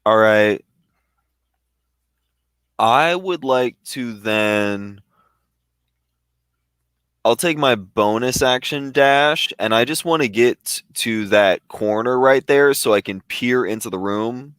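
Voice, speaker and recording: A man's voice: mid-range voice, takes it slowly, long pauses, a bit bright, clean tone, no room sound, clean studio sound. A man playing a tabletop game, careful and full of questions about his moves. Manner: careful, asks many questions. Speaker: player. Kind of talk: casual tabletop game play.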